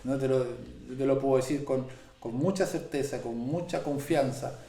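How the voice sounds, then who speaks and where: A man, a pastor in an earnest Bible study conversation who slows down to stress scripture. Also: medium pitch, vocal fry, warm tone. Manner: earnest, slows and stresses key phrases when quoting scripture. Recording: echoey room.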